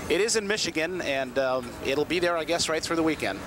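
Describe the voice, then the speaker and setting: Male co-commentator, fast and high-pitched, jokey, live on a ship's deck with noisy outdoor sound. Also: lively intonation. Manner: quick, jokey, laughing easily. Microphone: handheld mic with headset. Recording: outdoor noise, 1980s cable video.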